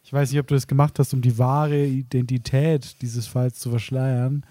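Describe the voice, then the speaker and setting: A man with a mellow, warm tone chats casually on a podcast. He thinks aloud and hesitates before he commits. The sound is dry and close. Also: mid-range voice, flat delivery, normal speed, no room sound. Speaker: podcast guest. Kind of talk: casual chat.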